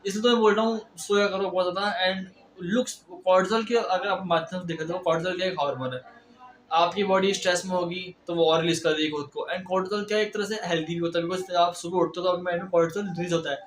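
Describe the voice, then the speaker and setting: A young man giving casual motivational advice in a vlog, talking fast and stressed, mixing in English phrases. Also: high-pitched, steady tone, slight background noise. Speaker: self-improvement vlogger. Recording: roomy echo.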